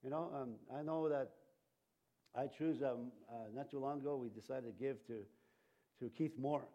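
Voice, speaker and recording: A Canadian pastor whose first language was Cree and Ojibwe delivers a sermon to his church, rambling with many fillers and restarts. His voice is medium in pitch and warm, at a moderate pace.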